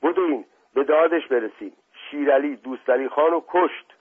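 A man voicing a frantic older male servant who shouts out of breath, in a husky voice on a phone-like recording. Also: mid-range voice, lively intonation, pitched above the performer's own voice. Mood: panicked.

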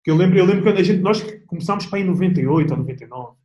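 A young man with a European Portuguese accent, chatting as an interview guest in a relaxed, slangy way with plenty of restarts. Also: high voice, rapid-fire, reverberant, lo-fi sound. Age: young adult. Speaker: guest athlete. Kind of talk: casual interview chat.

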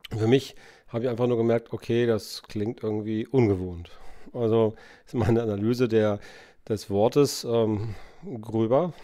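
A man talks through his thoughts on a solo podcast, pausing often and filling gaps with hesitant sounds. His voice sits fairly low and has a dark, mellow tone. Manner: musing, many fillers and hesitations. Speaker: podcast host. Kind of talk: reflective solo podcast talk.

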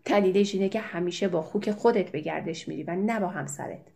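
A woman reading aloud voices a cheeky, tipsy young male villager who talks loudly in a teasing, colloquial way. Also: lowish voice, creaky.

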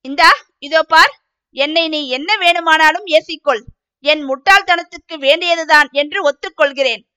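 A woman's voice: high voice, moderate pace, sharp tone. A woman doing a flustered young farmer. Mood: defensive. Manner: defensive, pleading.

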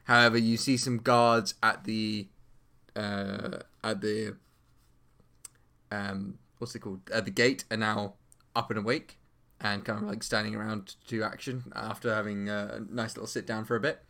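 A man's voice: on the low side, level tone, normal speed, vocal fry, pushed and bright. A man narrating as game master in a casual, rambling way, with many ums and restarts and some casual swearing.

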